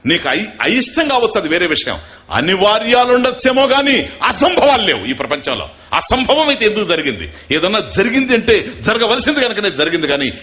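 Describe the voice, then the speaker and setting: Animated man giving a scripture discourse. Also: high voice, fairly quick. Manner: animated, asks rhetorical questions, chants verses. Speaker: spiritual teacher.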